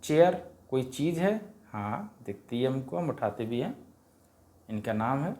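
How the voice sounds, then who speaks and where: A man walks through a grammar worksheet, chanting vowel sounds in a sing-song drill. He keeps posing questions and answering them himself, in a middle-pitched voice. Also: expressive, measured pace, a little mellow. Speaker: teacher explaining a worksheet. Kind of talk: Hindi grammar lesson for parents.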